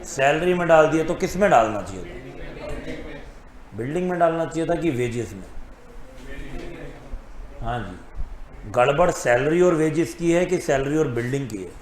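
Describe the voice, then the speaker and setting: A man's voice: a little high, lively intonation, a little slow, long pauses. A man teaching accounting in a classroom lecture, asking the class questions and answering them himself, with English terms mixed in. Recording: echoey classroom.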